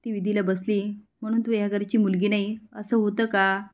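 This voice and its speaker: A woman voicing a gentle middle-aged father who talks to his daughter in a soft, coaxing way. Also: mid-range voice, level tone, normal speed, lightly acted. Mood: pleading.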